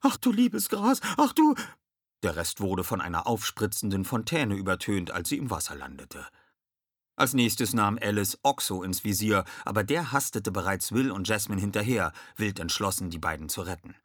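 A man narrating a children's audiobook in a lively, expressive reading. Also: fairly low pitch, normal speed, slightly rough, no room sound, studio quality.

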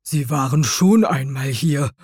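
A woman voicing a gloomy male stag beetle in a children's audio story, talking in a low grumble. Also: unhurried, a little mellow, breathy edge, no echo, clean studio sound, heavily acted. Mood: worried.

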